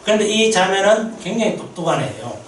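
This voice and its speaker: A missionary pastor's high voice rings fast through a church sanctuary as he preaches at a mission meeting. Lively stories and questions to the congregation fill the sermon, recorded from a distance with reverb, slight hiss or hum, and poor audio quality.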